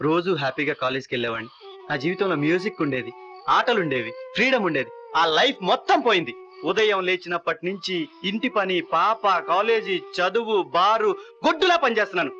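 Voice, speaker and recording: A man's voice: high-pitched, animated, brisk. An actor playing a young male student and new father who is overwhelmed and bitter. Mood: weary. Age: young adult. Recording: dull film soundtrack with loud music.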